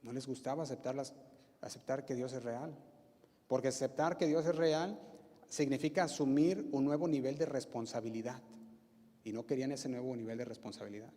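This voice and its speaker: A man's voice: medium pitch, fairly even intonation, fairly quick, warm tone. A male pastor with a Mexican Spanish accent preaching a sermon, using emphatic repetition and rhetorical questions. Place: church hall. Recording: reverberant church hall.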